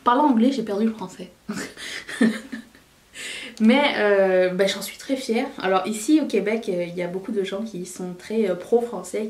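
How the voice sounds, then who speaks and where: A woman's voice: mid-range voice, darkish tone, recorded from a distance. A candid woman in her thirties talks casually to her viewers, chatty and loose, often circling back to restart a thought. Her voice sits back from the microphone. The room around her rings noticeably. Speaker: vlogger. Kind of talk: casual chat to camera. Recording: roomy, voice a bit away from the mic.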